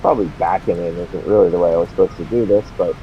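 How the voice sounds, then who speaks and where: A man's voice: low voice, quick pace, a little hiss or hum. A man streaming a game live, rambling and talking to himself as he plays. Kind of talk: casual live gameplay commentary. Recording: dull lo-fi stream audio.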